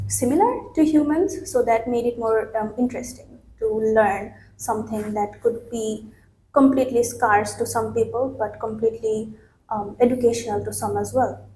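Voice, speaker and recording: This IELTS mock test candidate, a young woman from Bangladesh, speaks in a slightly high, warm voice, stumbling through many fillers and false starts. She's recorded in a small office room that echoes, with a little noise underneath.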